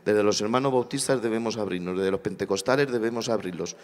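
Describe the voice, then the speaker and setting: A man's voice: lowish voice, fast. A man from Spain speaking at a church congress panel, preacherly, repeating phrases for emphasis. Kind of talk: impassioned church panel talk. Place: large congress hall. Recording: hall reverb.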